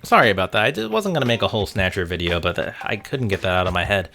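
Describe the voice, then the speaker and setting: A man narrates a scripted video essay with background music beneath him. His deep, gravelly voice is pushed and bright, delivered very fast and with lots of animation. The tone is wry and chatty, full of offhand asides and the occasional casual swear.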